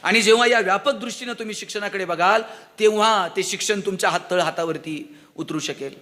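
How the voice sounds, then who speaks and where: High, bright-voiced male motivational speaker. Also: a little fast. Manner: rhetorical, questioning the audience. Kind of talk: motivational speech to students.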